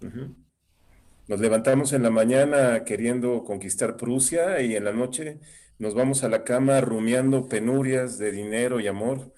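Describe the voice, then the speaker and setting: A man moderating a panel discussion, speaking in a measured way and posing rhetorical questions. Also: mid-range voice, darkish tone.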